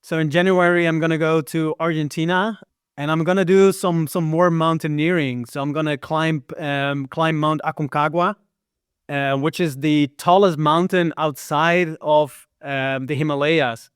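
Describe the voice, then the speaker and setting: This man from the Netherlands speaks at a fairly high, steady pitch and normal speed, his Dutch accent carrying an American tinge. As a guest filmmaker and hiker, he shares stories in relaxed interview talk, full of fillers and repetitions. The clear, resonant voice comes through a dry, clean studio recording.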